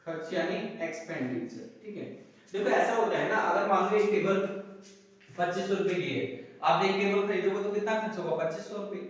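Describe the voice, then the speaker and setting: High-pitched male tutor in an echoey room. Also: fairly quick. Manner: asks questions and answers them himself; explanatory, repeats key terms. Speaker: economics tutor. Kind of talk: whiteboard lecture. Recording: echoey room, distant mic.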